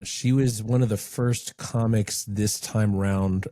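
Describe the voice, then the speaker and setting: A male podcast host chatting casually in a relaxed, measured way. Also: lowish voice, dry recording, studio quality. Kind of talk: casual interview chat.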